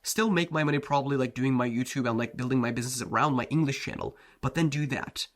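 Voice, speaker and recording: A self-improvement coach from Turkey, whose first language is Turkish, delivers a blunt, slangy motivational talk full of "bro" and "like." He speaks quickly at a medium pitch.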